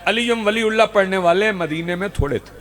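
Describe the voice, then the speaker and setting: Pakistani male preacher, high voice, rhetorical outdoor sermon with repetition. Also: fairly quick, fairly bright tone. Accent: Pakistani Urdu. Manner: rhetorical, repeats lines for emphasis, rouses the crowd. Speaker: Shia preacher. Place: outdoor religious gathering.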